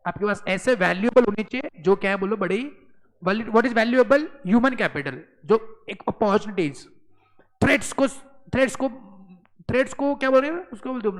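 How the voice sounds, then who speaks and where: A man's voice: extremely high pitch, in a large hall, poor audio. A man from Maharashtra, India, lecturing as an accounting exam tutor, switching between Hindi and English, drilling students with repeated rhetorical questions and playful teasing. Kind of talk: classroom lecture.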